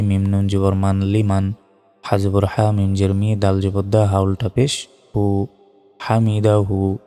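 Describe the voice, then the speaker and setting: A man teaching prayer pronunciation, spelling words out letter by letter and drawing the recitations out slowly. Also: on the low side, warm tone, clean tone, big-room sound. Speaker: religious teacher. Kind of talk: instructional lesson on prayer pronunciation.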